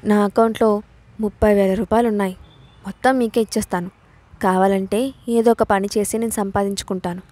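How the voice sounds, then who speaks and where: A woman voicing a quick-tempered, childlike young bride in a storybook reading. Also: medium pitch, fairly even intonation, mellow, lightly acted. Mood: fiery, petulant.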